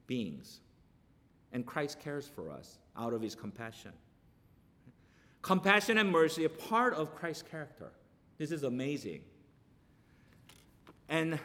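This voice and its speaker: A man's voice: a little high, fairly bright tone, big-room sound. A male pastor preaching a sermon, talking conversationally and asking rhetorical questions.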